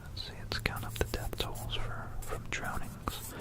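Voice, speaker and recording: An ASMR host whispers a rambling, casual history narration right up against a binaural microphone. The voice is breathy and unvoiced, halting and musing, and phrases get repeated.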